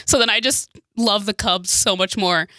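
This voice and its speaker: A woman's voice: medium pitch, a little slow, pushed and bright, dry recording, clean studio sound. A young woman co-hosting a podcast in casual chat, rambling and giggling often. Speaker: podcast co-host.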